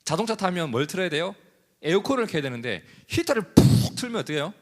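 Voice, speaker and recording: Guy pastor preaching in church, lively up-and-down delivery, quizzes the crowd, echoey hall. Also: sits high, quick pace. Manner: animated, asks the congregation questions. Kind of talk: sermon.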